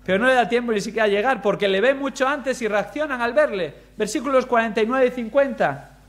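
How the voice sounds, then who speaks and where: A man preaching a sermon, expressive, using rhetorical questions and shifting pace for emphasis. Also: very high-pitched, fast talker.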